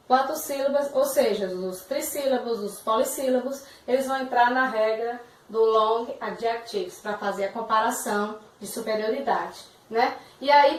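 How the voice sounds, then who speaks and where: A woman's voice: high-pitched, roomy sound, far from the mic, poor audio. A woman with a Brazilian Portuguese accent, an English teacher giving a recorded video lesson and patiently checking that students follow. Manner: patient, checks understanding often.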